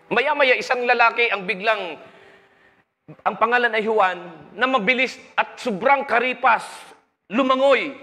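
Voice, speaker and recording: A man's voice: high-pitched, sharp tone. A Filipino man, preaching a sermon with joking stories and English phrases, recorded in an echoey hall. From Philippines. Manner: storytelling with jokes, switching to English.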